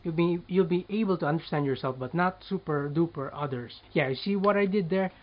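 A man's voice: a little high, brisk, lo-fi sound, slight background noise. A man giving casual speaking tips to the camera and demonstrating speech drills aloud. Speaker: speaking coach.

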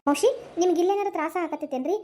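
A woman's voice: extremely high pitch, rapid-fire, warm tone. A woman voicing a kind middle-aged woman who consoles her friend, in a Dharwad Kannada accent. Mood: consoling. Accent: North Karnataka Dharwad Kannada. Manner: soothing, coaxing. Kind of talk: cartoon voice acting.

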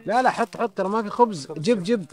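A man's voice: high-pitched, quick pace, a little mellow. A man with a Gulf Arabic accent chatting casually with companions. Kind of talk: casual chat. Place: outdoors at a desert camp.

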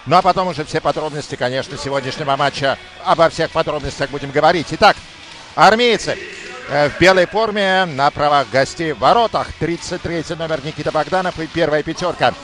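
A man doing live hockey commentary as a play-by-play announcer, emphatic and excited in his goal calls. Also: a little high, fairly quick.

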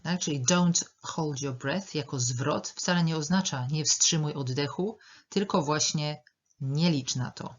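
A woman teaching an English lesson, speaking slowly and carefully and repeating words to show their pronunciation. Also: sits low, husky, dull audio. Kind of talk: language lesson.

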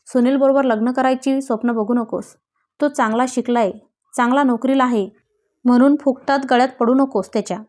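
A woman reading the part of an angry mother who scolds and shouts at a young woman. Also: a little high, fairly even intonation, a little fast, close to an everyday voice. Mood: scolding.

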